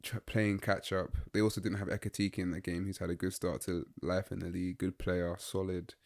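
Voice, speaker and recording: Here a young, gravelly-voiced co-host, slightly low in pitch and in his twenties, moves briskly through a casual football chat. He meanders through his views, leaning on fillers like "um" and "like" as he thinks aloud.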